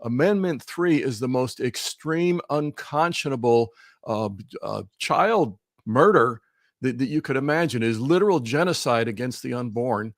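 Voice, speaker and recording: A man's voice: mid-range voice, animated, a little slow, dry recording, clean studio sound. A man speaking as a remote guest over a video call, giving heated, emphatic political commentary and often repeating words. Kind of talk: talk show commentary. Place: Missouri.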